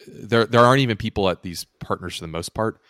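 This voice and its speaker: A man's voice: on the low side, fast talker, a bit bright, clean tone, dry recording, studio quality. A man chatting casually and emphatically, often checking that his listener follows as he explains his point. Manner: emphatic, checking in with "right?" and "you know". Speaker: podcast co-host with software background. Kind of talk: casual conversational talk.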